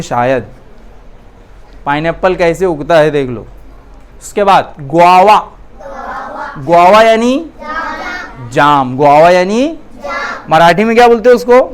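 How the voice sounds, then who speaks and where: Coaxing Hindi woman teacher, low voice. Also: slight background noise. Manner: asks students questions, coaxing. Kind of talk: classroom lesson.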